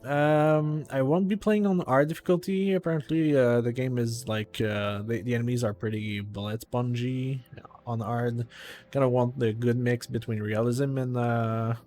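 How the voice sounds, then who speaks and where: A man's voice: mid-range voice, steady tone, moderate pace, a little mellow, soft background music. A man streaming a video game live, talking casually to chat with many fillers and restarts while he reads menus aloud.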